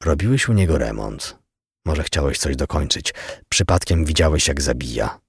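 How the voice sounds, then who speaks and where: A man's voice: rumbling low, expressive, moderate pace, creaky, husky, no echo, studio quality, exaggerated voice. A man doing a cold, furious homicide detective. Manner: cold, accusing, clipped. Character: hard-bitten, furious male homicide detective.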